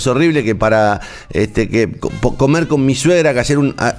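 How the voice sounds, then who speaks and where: A man's voice: medium pitch, darkish tone. A man with an Argentine Spanish accent, talking in a casual, rambling, emotional way as a host, with many restarts. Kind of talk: casual on-air chat.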